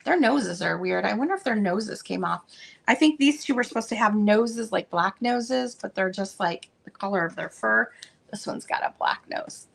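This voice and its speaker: A woman selling vintage items, chatting casually and meanderingly as she unpacks, with plenty of fillers, and a voice that is going a bit hoarse. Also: mid-range voice, animated, moderate pace, rough recording. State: losing her voice. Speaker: vintage seller showing stock. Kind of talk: casual unboxing chat.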